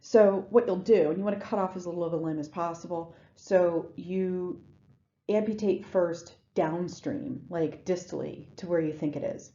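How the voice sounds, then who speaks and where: A woman's voice: on the low side, moderate pace, warm tone, dull audio. A woman giving a recorded lecture in a conversational way, with frequent ums and restarts. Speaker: instructor.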